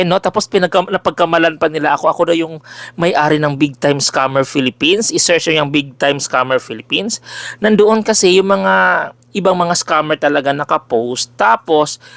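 A folk healer who owns a page selling remedies speaks straight to camera for his followers, casual and animated. His voice is big, loud, high and gravelly, with no room sound, and he chats exclamatorily, mixing Tagalog and English with jokey asides.

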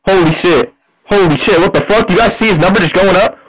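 A man's voice: high voice, fairly quick, breathy edge, low-quality recording. A man hosting a livestream with a voice changer on his voice, hyping things up in loose slang and repeating himself. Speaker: livestream host. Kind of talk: hyped casual livestream talk.

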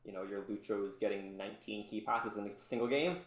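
Low-voiced rambling man in echoey room. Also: a little fast. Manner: relaxed, rambling, many ums, laughs often. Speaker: podcast guest. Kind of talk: casual sports podcast chat.

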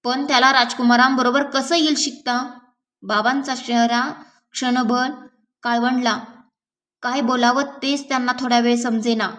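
A woman reading a novel aloud in a measured, gentle storytelling manner. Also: a little high, fairly even intonation, far from the mic. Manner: measured, gentle storytelling with small slips and restarts. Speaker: audiobook reader.

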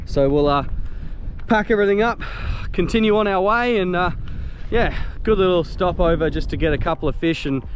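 A man's voice: high voice, a little fast, slight background noise. A man in his thirties with an Australian accent, chatting casually to an action camera on a rocky coast. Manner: relaxed, chatty, with many fillers. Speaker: fishing vlogger. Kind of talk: casual outdoor vlog narration. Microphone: action camera held at arm's length.

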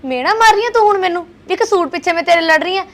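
A woman's voice: extremely high pitch, expressive, racing, a bit bright. An actress playing a jealous young wife who taunts her husband's sister with sarcasm. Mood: bitter. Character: jealous, sharp-tongued sister-in-law, a young village wife.

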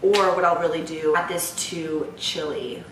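A woman's voice: low-pitched, fairly even intonation, unhurried. A woman in her twenties chatting upbeat through a grocery haul vlog in her home kitchen, filmed from a few feet away. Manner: chatty, upbeat, says y'all. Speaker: lifestyle vlogger. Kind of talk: casual vlog chat. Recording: echoey room, mic at a distance, noisy.

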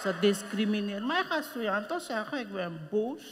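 A woman's voice: medium pitch, sing-song, normal speed, lightly acted. A woman playing a hurt, indignant young wife with a Surinamese Dutch accent, complaining emphatically in a live stage comedy. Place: large concert hall stage. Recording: long hall reverb, faint noise.

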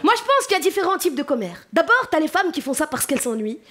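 A woman from the Paris suburbs with a suburban Paris accent, doing a stand-up comedy set on stage and talking directly to the audience in an animated, chatty way. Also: high voice, quick pace. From France.

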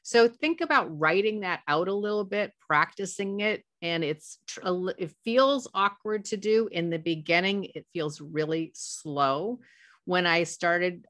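Low-voiced woman presenting on a headset. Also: a bit bright, no echo, clean studio sound. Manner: conversational, anecdotal, self-corrects often. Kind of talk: professional development webinar talk.

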